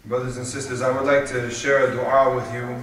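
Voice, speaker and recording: A man giving a sermon at a religious gathering, reading aloud in a measured, steady way. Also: mid-range voice, slight background noise. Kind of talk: sermon with read-aloud prayer. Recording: echoey hall, voice from far off.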